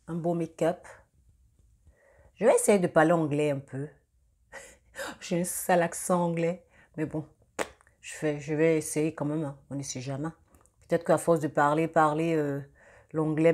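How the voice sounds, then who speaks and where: A young woman chats her way through a makeup tutorial, pausing often on fillers and starting her sentences over. Her voice sits a little low for a woman. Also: warm tone. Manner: hesitant, many fillers and restarts. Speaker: beauty vlogger. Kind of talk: casual makeup tutorial talk.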